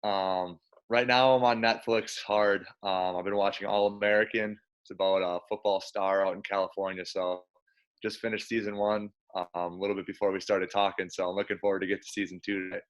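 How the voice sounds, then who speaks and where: This early-twenties college basketball player talks casually as a guest, either chatting or reading a children's storybook aloud. His low voice stays fairly flat and moves along quickly, and the lo-fi recording sounds dull.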